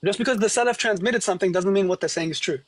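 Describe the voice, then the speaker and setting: Male debater, high voice, rapid delivery, insistent, combative, repeats himself. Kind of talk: heated live religious debate.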